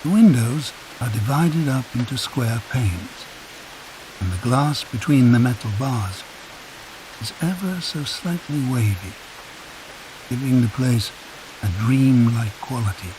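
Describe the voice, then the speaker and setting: Slow, calm man guiding a sleep meditation. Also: mid-range voice. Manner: soft, calm, unhurried storytelling. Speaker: meditation narrator. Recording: hissy recording with rain sounds behind. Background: rain.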